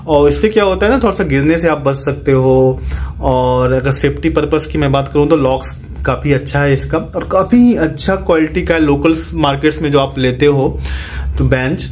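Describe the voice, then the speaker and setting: चुलबुला, बातूनी आदमी का घरेलू review. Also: male voice, a little high, slight background noise. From Jharkhand, India. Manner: chatty, repeats himself, corrects on the fly. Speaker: vlogger reviewing a gym bench. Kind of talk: casual product review. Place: small room at home, indoors. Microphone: phone camera, handheld close.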